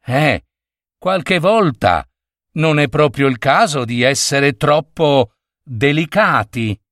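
A man reading a children's story aloud as the storyteller, in slow, expressive scripted narration. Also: fairly high pitch, no echo, clean studio sound.

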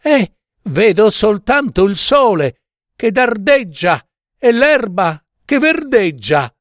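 A man voicing a loyal young sister, calling out in a high, sing-song voice. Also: very animated, slow, no echo, clean studio sound, full character voice.

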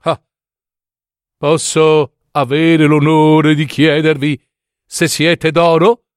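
A man's voice: little pitch movement, very slow, smooth, dry recording, clean studio sound. A man doing a vain, fussy darning needle. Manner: high-pitched, fussy and self-important. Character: vain fragile darning needle, thin and proud.

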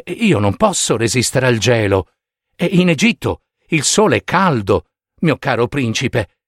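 A man's voice: mid-range voice, big pitch swings, a little slow, dry recording, clean studio sound. A man voicing a small, kind female swallow in a storybook, speaking earnestly and pleadingly.

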